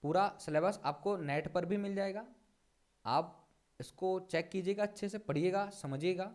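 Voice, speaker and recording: High-voiced man teaching, repeating instructions. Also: moderate pace, darkish tone. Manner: repeats points over and over, instructing. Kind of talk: online lesson walking through a document.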